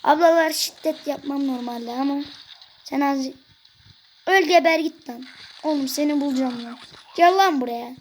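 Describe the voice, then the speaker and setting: A gaming video creator giving excitable gameplay commentary, cursing and joking at the game characters. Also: sits high, normal speed, long pauses, a little hiss or hum.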